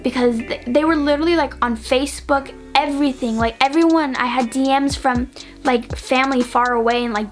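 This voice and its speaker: A woman's voice: high voice, brisk, soft background music. A young woman vlogger telling a personal story in a casual, rambling way, dropping "like" into nearly every phrase.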